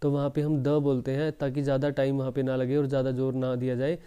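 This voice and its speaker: Male teacher, mid pitch, smooth and very mellow tone, deliberate explainer. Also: monotone. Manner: slow deliberate reading of English sentences; explaining, addresses viewers as friends. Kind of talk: exam prep lesson.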